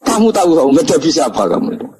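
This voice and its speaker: A man voicing a brash, bold caliph who boasts loudly in a raised voice. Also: fairly high pitch, big pitch swings, rapid-fire, slightly rough, voice pushed up, heavily acted. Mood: boastful. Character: brash bold caliph confronting grave angels.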